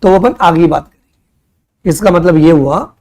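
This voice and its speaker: High-voiced Indian man teaching a class. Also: moderate pace, a little mellow. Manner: conversational, quizzes students with rhetorical questions; mixes Hindi with English terms. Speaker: tutor. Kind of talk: classroom lecture.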